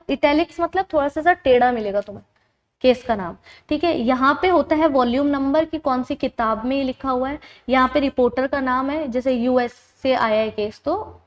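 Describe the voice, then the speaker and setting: A woman tutor teaching an exam-prep lecture, explaining things step by step and checking that her students follow. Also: high voice.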